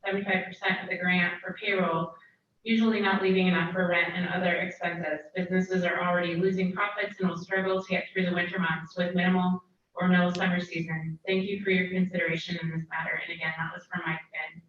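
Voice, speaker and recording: A woman's voice: lowish voice, little pitch movement, fast talker, a bit bright. A woman calling the roll and reading aloud at a city meeting over a remote connection whose audio keeps garbling and breaking up. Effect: garbled, breaking-up remote call audio. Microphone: remote call into the meeting. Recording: muffled, distant, very echoey remote line with faint hiss.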